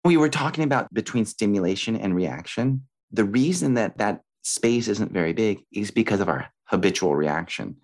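Male meditation teacher, interview guest. Low pitch, instructive conversational delivery, explains breathing through everyday examples. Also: animated, moderate pace, few pauses, a little mellow.

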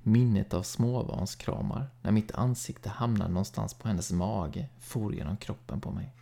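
Gravelly, dark-voiced male horror reader. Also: on the low side. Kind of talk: scripted horror short-story reading.

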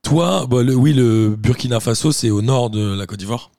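A man hosting a casual interview podcast, chatty and relaxed, asking many questions. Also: mid-range voice, normal speed, no echo, clean studio sound. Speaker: podcast host.

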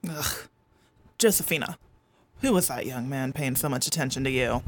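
A performer voicing a gruff, old-fashioned patriarch who grumbles in a folksy, rustic manner. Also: medium pitch, moderate pace, lightly acted. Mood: grumbling.

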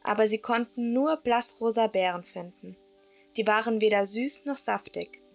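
A woman tells a children's story in a gentle, expressive way. Her fairly high voice carries a gravelly edge, and soft music plays faintly beneath her. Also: moderate pace. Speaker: narrator. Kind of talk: storybook narration for a radio play.

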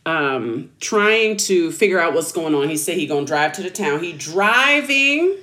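Animated woman recapping a film. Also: fairly low pitch, a little slow. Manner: animated, profane, acts out scenes. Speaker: podcast co-host. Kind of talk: casual movie review chat.

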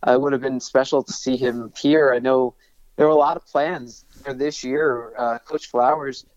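A man's voice: mid-range voice, fairly even intonation, moderate pace, dry recording, highs cut off. A man in his thirties from Long Island, a sports broadcaster, talking enthusiastically with many restarts and fillers. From Long Island, New York. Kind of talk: casual interview talk.

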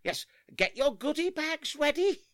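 A man doing a mocking prankster calling through a mail slot, lively and bright. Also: extremely high pitch, measured pace, no echo, clean studio sound, heavily acted. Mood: sugary.

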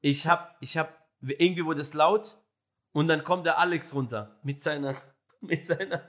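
High, bright-voiced man telling a wild story. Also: normal speed, dull audio. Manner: laughs often and mimics others in English. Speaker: podcast guest telling a story. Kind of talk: animated storytelling with impressions.

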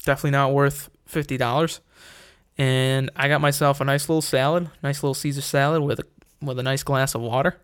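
A man's voice: mid-range voice, flat delivery, fairly quick, clean tone. Young male host, casual profane rant, wry and rambling.

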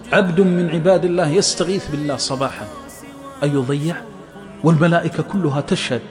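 A man's voice: a little high, a little mellow. A man preaching a religious sermon in a fervent, emphatic way.

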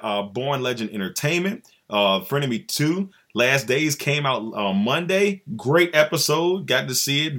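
A man hosts a sports podcast in a relaxed, joking way. His voice is bright and forward. He keeps up an easy banter with his cohost. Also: mid-range voice. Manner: laid-back, joking, chatty with cohost. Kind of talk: casual sports podcast chat.

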